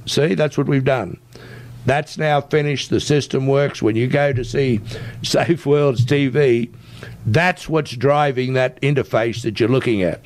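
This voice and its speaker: A man's voice: medium pitch, steady tone, measured pace. A man with an Australian accent speaking as an interview guest, explaining and persuading in an emphatic, insistent way and often checking with "right?". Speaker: interview guest, tech entrepreneur.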